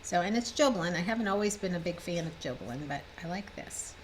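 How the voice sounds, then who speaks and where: Talking fast with lively intonation on the low side, a woman in her fifties cheerfully rambles through a show-and-tell of her cross-stitch work. She designs cross-stitch and vlogs, and here she sounds slightly stuffed up in a home room with bookshelves. There's slight background noise and the audio is poor.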